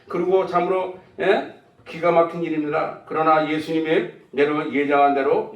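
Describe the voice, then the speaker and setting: A man's voice: a little high, reverberant, recorded from a distance. A man preaching a sermon as a pastor, asking the congregation rhetorical questions and acting out quoted lines. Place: church sanctuary.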